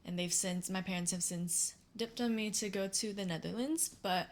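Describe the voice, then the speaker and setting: A young woman from Singapore, talking in a relaxed, upbeat way as an interview guest. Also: mid-range voice, normal speed. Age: young adult. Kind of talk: casual interview.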